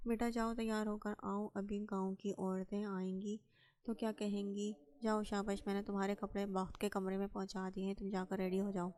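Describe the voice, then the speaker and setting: A woman's voice: mid-range voice, monotone, vocal fry, mellow. A woman reading aloud and voicing a fond but commanding grandmother who scolds with authority.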